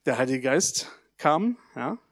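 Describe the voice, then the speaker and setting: A man giving a baptism sermon, telling stories lively and putting questions to the congregation. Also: mid-range voice. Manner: addresses the congregation directly, asks questions; lively storytelling, with pauses and hesitations. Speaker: pastor.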